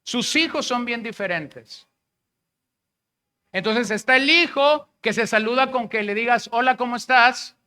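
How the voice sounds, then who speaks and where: A man's voice: very high voice, a little slow, bright, forceful tone, clean tone. A man with a Mexican Spanish accent preaching a sermon as pastor, in a conversational way, acting out the words of the people he quotes.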